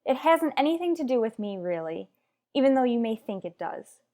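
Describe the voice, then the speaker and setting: Acting in a radio soap, a woman with a slightly high, sing-song, mellow voice talks fairly quickly. She plays a headstrong married mother who lectures her rival in a blunt, insistent, emphatic way.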